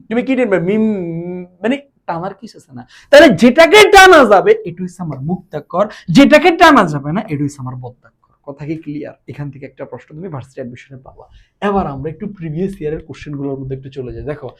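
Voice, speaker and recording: Lively high-voiced male tutor. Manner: drawn-out demonstrative words, quizzing questions to students; casual, brotherly address to students. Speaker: Bengali admission tutor. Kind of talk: online exam-prep lecture.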